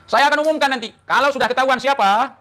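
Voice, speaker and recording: A man's voice: very high voice, fast talker, pushed and bright. A man hosting an online talk show, delivering a defiant, taunting monologue to the camera full of rhetorical questions. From Indonesia.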